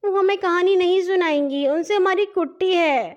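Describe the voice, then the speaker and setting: Storybook little girl, high and bouncy, stubborn and wheedling, a woman narrator puts her on. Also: animated, highs cut off. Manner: coaxing, childlike pleading.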